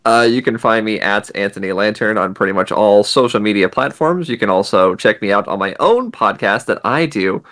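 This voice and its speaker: A man's voice: fairly low pitch, moderate pace, hardly any pauses, a bit bright. A man guesting on a podcast in casual chat, laid-back with fillers as he runs through where to find him. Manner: laid-back plugging of his channels, fillers.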